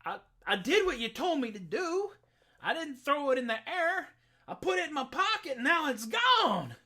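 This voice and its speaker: A storyteller voicing Jack, an earnest, simple-minded young farm boy who talks in a whiny, halting way. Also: high-pitched, sing-song, pushed and bright, voice pushed up, exaggerated voice.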